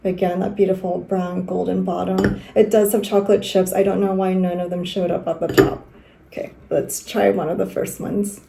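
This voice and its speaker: A young woman chatting casually in a home vlog, relaxed and easygoing, with a soft laugh now and then. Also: lowish voice, moderate pace, vocal fry, a little hiss or hum. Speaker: vlogger. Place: small apartment kitchen and home.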